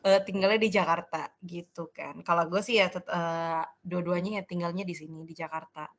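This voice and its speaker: A woman's voice: lowish voice, fairly even intonation, normal speed. A young woman in a casual group chat with classmates, friendly and a little hesitant. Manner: friendly, hesitant, laughs often. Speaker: student in group discussion.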